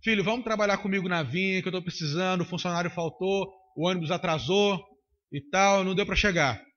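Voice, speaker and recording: A man's voice: high-pitched, a little fast, a bit bright. Brief: man voicing a pleading farm father in a sermon parable. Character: hard-working father asking his sons for help. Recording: dull lo-fi recording.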